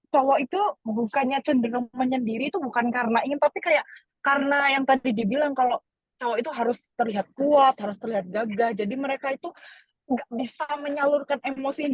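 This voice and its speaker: A woman hosting and reading out audience questions in a relaxed, chatty way. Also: sits high, slightly rough, no echo. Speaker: host. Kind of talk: moderating a Q&A. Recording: dull lo-fi online talk audio.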